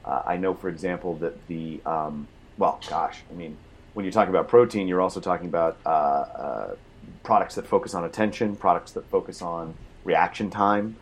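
A man's voice: sits low, moderate pace, slight background noise. A man co-hosting a casual gaming talk show, joking with a dry, sarcastic humor. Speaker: podcast co-host. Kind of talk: casual chat.

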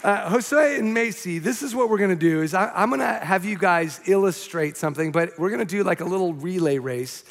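A man preaching a sermon from a church stage, telling a story in an animated, rambling way, with many fillers and restarts. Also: high-pitched, fairly quick, gravelly, few pauses, big-room sound, some chatter behind. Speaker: pastor.

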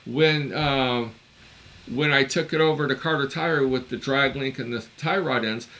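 A man in his fifties co-hosts a casual podcast. He tells his story bluntly and with open exasperation, swearing now and then. His voice is bright and forceful and sits at an average pitch for a man. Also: unhurried. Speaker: podcast co-host.

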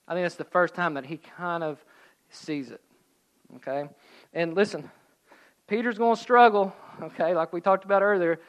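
A middle-aged man preaching a sermon, telling the story in a lively, joking way with asides, and reading scripture slower and softer. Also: high voice, muffled recording. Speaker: pastor.

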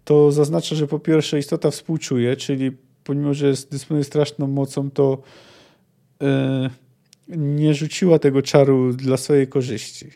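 A man hosting a podcast, discussing a novel chapter in a measured, analytical way while thinking aloud. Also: mid-range voice, flat delivery, gravelly, dark tone. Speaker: podcast host. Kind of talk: book discussion commentary.

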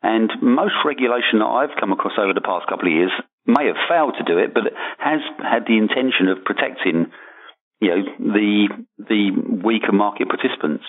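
A man's voice: on the low side, expressive, fairly quick. A man who writes a markets column, talking through an issue in casual podcast chat, hesitant and full of restarts. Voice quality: hesitant, many restarts and fillers. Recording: phone-like narrow sound.

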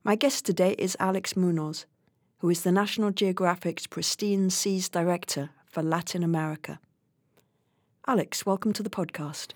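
A woman hosting a podcast interview, asking questions in a clear, measured way. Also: fairly low pitch, fairly even intonation, darkish tone, no room sound, clean studio sound. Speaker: podcast host, program director.

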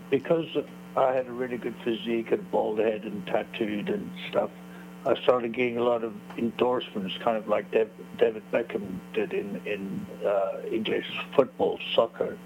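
A man's voice: on the low side, little pitch movement, moderate pace, creaky, a little mellow, lo-fi sound, a little hiss or hum. A man from Africa, a guest author telling his life story on a radio show in a boastful, expansive way. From South Africa. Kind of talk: radio interview.

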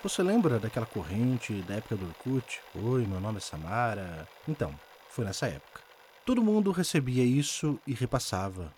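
A man's voice: mid-range voice, darkish tone, no room sound. A man hosting a podcast, reading a listener's horror story aloud with dramatic rises and falls for suspense. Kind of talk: scripted horror story narration.

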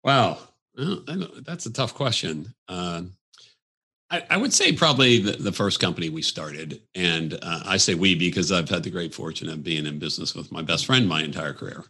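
Low-voiced guy, crisp and bright, chatting as a podcast guest, lots of uhs and ums. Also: moderate pace. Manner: reflective, storytelling, frequent fillers. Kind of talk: conversational interview. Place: office.

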